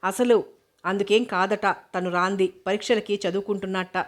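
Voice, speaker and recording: A woman's voice: mid-range voice, steady tone, normal speed, natural voice. Woman reading as an innocent chattering young daughter.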